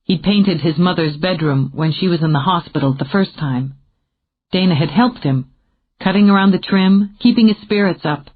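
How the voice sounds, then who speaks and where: A woman narrating a novel in an expressive, measured storytelling manner. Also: fairly low pitch. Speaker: audiobook narrator. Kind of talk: scripted narration. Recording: tinny phone-like audio.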